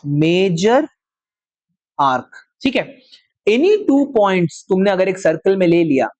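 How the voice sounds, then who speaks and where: A man teaching a maths class, dictating slowly word by word and often checking whether the students follow. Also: high voice, a little mellow, no room sound, low-quality recording. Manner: slow dictation word by word, checks with frequent questions. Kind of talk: live class lecture.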